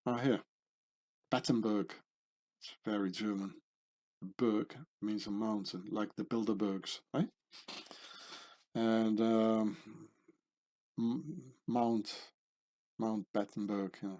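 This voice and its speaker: A man's voice: on the low side, steady tone, takes it slowly, pauses often, dark tone. A man hosting his channel, talking through pictures in a meandering monologue full of fillers and tag questions. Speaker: channel host. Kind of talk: rambling monologue over pictures.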